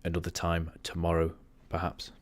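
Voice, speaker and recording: A man hosting a livestream, chatting casually in a monotone way and often drifting off topic. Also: sits low, normal speed. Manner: rambling, easily sidetracked. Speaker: livestream host.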